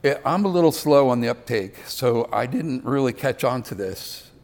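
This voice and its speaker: A man's voice: mid-range voice, expressive, moderate pace, darkish tone. An older man giving a conversational sermon, with self-deprecating asides. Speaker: preacher.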